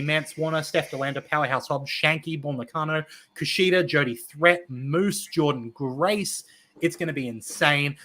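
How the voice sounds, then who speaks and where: An Australian podcast host, a man with a slightly higher voice, reads through a long list of matches and ticket details in casual chat. He stresses each big name with excitement. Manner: rattles off event listings with excited emphasis.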